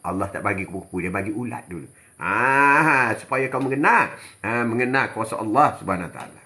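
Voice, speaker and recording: An older man, giving an animated live religious talk. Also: fairly low pitch, brisk. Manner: animated, repetitive preaching with quoted voices. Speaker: preacher.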